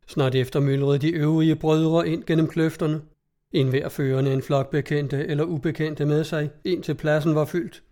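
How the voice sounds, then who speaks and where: A man reads an old tale aloud at a measured pace. His voice sits slightly high for a man. The storytelling stays steady and even. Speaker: narrator. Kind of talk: scripted narration of an old tale.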